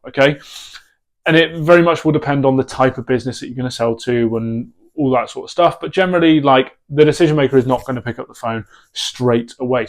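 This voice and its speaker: A man's voice: mid-range voice, darkish tone. Plain-voiced man coaching on phone sales. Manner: direct, conversational, frequent fillers. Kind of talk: talking-head sales tips.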